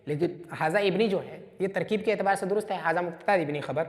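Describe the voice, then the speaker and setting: Male lecturer, higher voice, walks listeners through a text point by point, room reverb. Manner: explains step by step, often checking "right?"; reads Arabic text then translates and explains it. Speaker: teacher. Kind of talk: lecture explaining a classical text.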